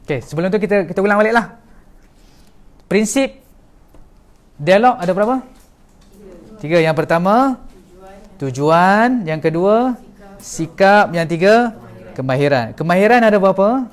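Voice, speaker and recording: Lively high-voiced Malaysian male lecturer. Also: normal speed, long pauses. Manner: explains step by step and asks the audience questions. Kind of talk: classroom lecture.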